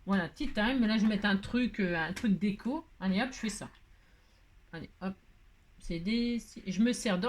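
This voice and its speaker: A middle-aged woman hosting a crafting tutorial, rambling and joking at herself as she works. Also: medium pitch. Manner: rambling, self-mocking, hums and sings snatches of tunes while working.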